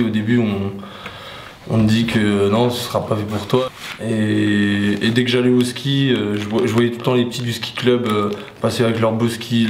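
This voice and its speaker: A young man from the Paris region, a ski instructor trainee, speaking in a documentary interview with many restarts and fillers. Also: fairly low pitch. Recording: echoey room with faint noise.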